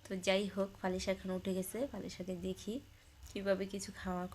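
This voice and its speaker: A young mother talking casually in a home vlog, gently coaxing her sleepy daughter awake in a sing-song way and calling her name again and again. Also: mid-range voice, completely flat delivery, fairly quick, a little hiss or hum. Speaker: vlogger, mother.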